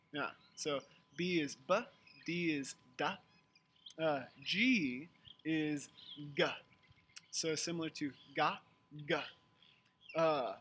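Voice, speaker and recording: Bright-voiced man teaching pronunciation. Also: high voice, slight background noise. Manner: slow, careful demonstrations of sounds; frequent "uh" fillers. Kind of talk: recorded pronunciation lesson.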